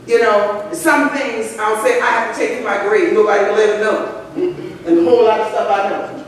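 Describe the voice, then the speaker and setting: A woman's voice: mid-range voice, steady tone, normal speed, distant mic, a little hiss or hum. An older woman pastor preaching a sermon from a church pulpit, telling personal stories in a conversational way with asides to the congregation. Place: large church sanctuary, at a pulpit. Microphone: pulpit microphone, far camera. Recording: echoey church hall from afar.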